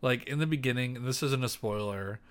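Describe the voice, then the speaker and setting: A man's voice: mid-range voice, brisk, clean tone. Rambling male podcast co-host. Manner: rambling, lots of fillers and restarts, laughs often. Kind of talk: casual chat.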